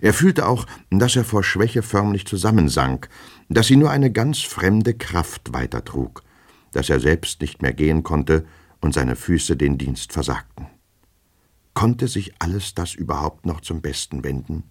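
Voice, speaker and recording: A man narrating an audiobook in a measured, expressive reading. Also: low-pitched, slightly rough.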